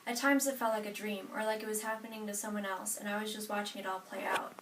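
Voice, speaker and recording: An eighteen-year-old woman from Nebraska reads a prepared personal narrative from note cards, steady with small self-corrections. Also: medium pitch, quick pace, background noise. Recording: roomy sound from a distant mic.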